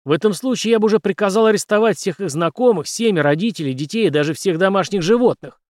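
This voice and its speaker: A man voicing a gruff, hardened soldier captain who talks in curt, grim lines. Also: high voice, fast, a little mellow, no room sound, clean studio sound, voice pushed up, natural voice.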